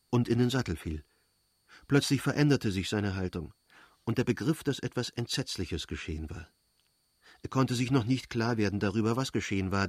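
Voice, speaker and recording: A man's voice: mid-range voice, no room sound. Dry, close-miked male audiobook narrator. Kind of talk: scripted narration.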